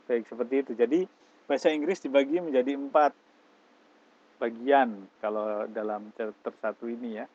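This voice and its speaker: A man's voice: mid-range voice, steady tone, moderate pace, pauses often, darkish tone, highs cut off. A man teaching English, explaining step by step and mixing English phrases into his lecture. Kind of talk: classroom lecture.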